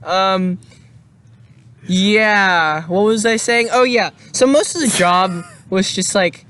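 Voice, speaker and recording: A man's voice: sits high, slow, a bit bright, smooth. A young man co-hosting a casual podcast, telling a story in a rambling way with many fillers and restarts. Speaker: podcast co-host. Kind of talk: casual chat.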